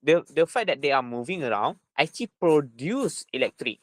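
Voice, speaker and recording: A man's voice: on the high side, sing-song, brisk, no room sound. Malaysian man tutoring in a dry-sounding recording. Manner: repetitive, punctuating with "right?" and "lah". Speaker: chemistry tutor. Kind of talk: informal spoken lesson.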